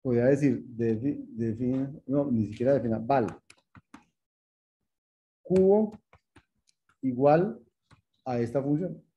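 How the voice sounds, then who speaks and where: A male programming lecturer with a deep, dark, mellow voice at a middle pitch. He explains patiently and repeats his points, often checking in with his students. He thinks aloud as he types code during the lesson. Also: takes it slowly, long pauses, lo-fi sound. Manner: patient, repetitive explaining with rhetorical check-ins; addresses students formally, thinks aloud while typing. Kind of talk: lecture with live coding.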